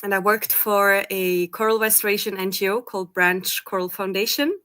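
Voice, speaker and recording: A young woman from Switzerland speaking as a panel guest about her work, steady and matter-of-fact. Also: mid-range voice, normal speed, smooth. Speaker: panel guest, coral restoration communicator. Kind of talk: panel discussion answer.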